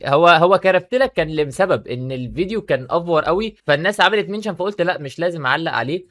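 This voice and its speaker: A man with an Egyptian accent, commenting on a video clip in an animated, argumentative way, talking back at the other speaker. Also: a little high, rapid-fire. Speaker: reaction video creator.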